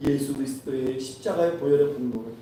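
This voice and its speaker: A man's voice: mid-range voice, fairly quick, mellow, a little hiss or hum. A man preaching a sermon, telling a story and acting out its dialogue as he goes. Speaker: pastor. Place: church sanctuary. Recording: echoey church hall from far off.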